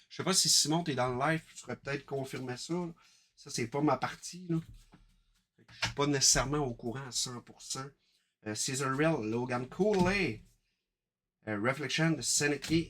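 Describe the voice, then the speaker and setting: A man with a Quebec French accent hosting a live card-break stream, chatting briskly and calling out each card as he opens packs. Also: mid-range voice, a bit bright, slight background noise.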